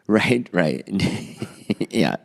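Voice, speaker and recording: A man's voice: on the low side, lively intonation, extremely slow, creaky. A man co-hosting a podcast, exasperated and swearing freely as he argues and teases. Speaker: podcast co-host. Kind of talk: casual podcast banter.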